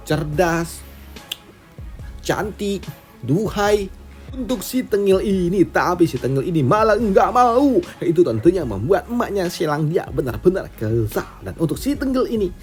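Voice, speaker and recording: Lively slangy Indonesian man narrating. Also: a little high. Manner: chatty, slangy, asks viewers for likes. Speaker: manhua recap narrator. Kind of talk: casual storytelling recap.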